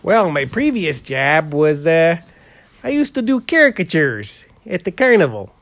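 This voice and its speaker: A man's voice: fairly high pitch, big pitch swings, measured pace, a bit bright, no room sound, full character voice. A man playing a rambling folksy painter. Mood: goofy. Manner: drawling, rambling, full of "uh" and "there". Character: folksy heavyset male portrait painter, goofy. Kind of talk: improvised comedy interview.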